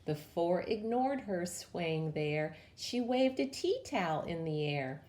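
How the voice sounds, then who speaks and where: Reading a picture book aloud to young children at story time, a woman speaks in a measured, expressive manner. Her voice is on the low side.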